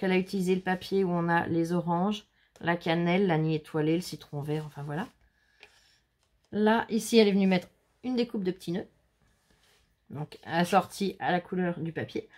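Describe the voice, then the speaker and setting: Gravelly low-voiced French woman, chatty. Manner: chatty, gushing, talks to viewers and helpers. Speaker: scrapbooking channel host. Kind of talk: casual show-and-tell of handmade cards. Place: home.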